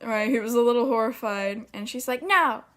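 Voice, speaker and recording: A young woman tells a story in a casual, rambling way. She swears often and leans on fillers. Her voice sits a little high. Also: steady tone, brisk. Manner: chatty, profane, full of fillers. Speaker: vlogger.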